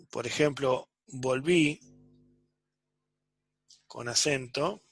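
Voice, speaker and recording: With a fairly high-pitched, slightly bright voice and no echo, a man leads an online programming class. He checks in with students almost phrase by phrase, asking "¿sí?" and "¿está?" over and over.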